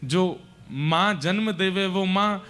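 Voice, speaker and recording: High bright-voiced male storyteller. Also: slow. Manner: emotional, dramatic storytelling. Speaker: kathavachak. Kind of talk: devotional storytelling sermon.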